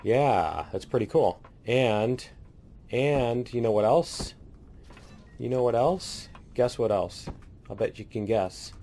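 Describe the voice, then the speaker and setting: A man chatting casually as he tours his base in a building game, rambling and laughing, a little hoarse and clearing his throat now and then. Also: mid-range voice, expressive, slow pace, dark tone, slight background noise. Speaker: let's play host. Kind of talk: casual gameplay commentary.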